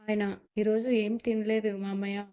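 A woman voicing a quiet, dutiful young daughter-in-law who speaks politely and reassuringly, on a slightly muffled recording. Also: medium pitch, little pitch movement, moderate pace, lightly acted. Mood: subdued.

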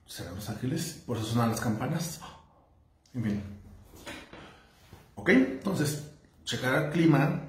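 Chatty Mexican man in an echoey room. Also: mid-range voice. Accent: Mexican Spanish. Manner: chatty, rambling, tags lines with "¿no?". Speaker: vlogger. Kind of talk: casual travel-tips chat. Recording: roomy echo.

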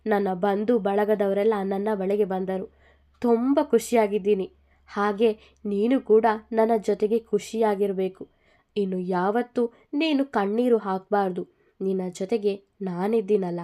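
A woman's voice: medium pitch, fairly even intonation, measured pace, mellow, close to an everyday voice. A woman voicing Jagat, a teasing young groom. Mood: tender teasing. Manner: fond teasing, pleading. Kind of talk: storytelling dialogue.

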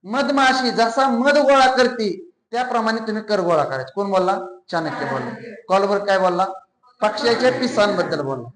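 A man's voice: high-pitched, animated, moderate pace, a bit bright. A man teaching a class, drilling his students by asking the same questions again and again and waiting for their answers. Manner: repeats questions to the class, call-and-response. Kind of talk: classroom lecture. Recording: echoey classroom.

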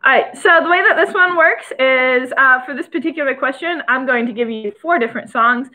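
High-voiced young woman with Michigan accent. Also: fairly quick, pushed and bright, rough recording. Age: young adult. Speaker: trivia host. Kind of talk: casual quiz hosting with chat. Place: small indoor room by a window.

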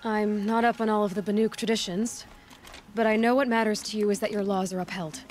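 Actress as Aloy, steady young warrior heroine. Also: female voice, mid-range voice, slight background noise, close to an everyday voice. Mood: firm, measured. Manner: plain-spoken, measured. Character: steady, frank young woman outsider warrior, game heroine. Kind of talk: dramatic video game acting. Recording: music behind. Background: game score music.

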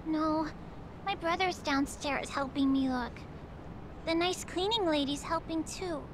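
A woman's voice: high-pitched, measured pace, noisy background. A woman voicing a sweet, innocent little girl in a video game dub. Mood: innocent, matter-of-fact. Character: sweet little girl looking for her lost cat. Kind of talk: English game dub acting.

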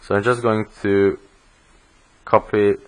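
Young male instructor, lowish voice, walks through code in a steady voice-over. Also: slow pace, rough recording. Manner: steady explanatory, self-correcting restarts. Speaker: programming instructor. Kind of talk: screencast coding tutorial.

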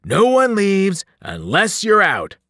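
A man reading aloud and voicing a menacing male giant who eats people, drawing out his words slowly and gloating. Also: high-pitched, huge pitch swings, bright, forceful tone, dry recording, clean studio sound, voice pushed up, full character voice. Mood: roaring. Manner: slow, gloating, drawn-out delivery.

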